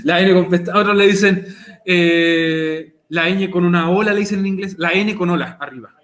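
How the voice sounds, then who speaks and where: A Chilean man with a rather high voice leads a virtual English lesson. He goes over each point more than once in an easy, conversational way and checks in with his students over the call. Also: moderate pace, a bit bright. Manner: patient, repeats key points, chats with students. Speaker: English teacher. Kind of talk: online class explanation. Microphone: video call.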